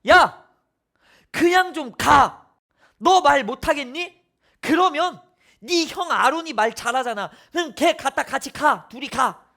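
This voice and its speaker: A preacher acting out God in a sermon retelling, loud and emphatic with drawn-out words. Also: high-pitched, sing-song, voice pushed up, heavily acted. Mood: exasperated. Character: God, exasperated, commanding, speaking to Moses. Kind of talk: sermon retelling with acted voices.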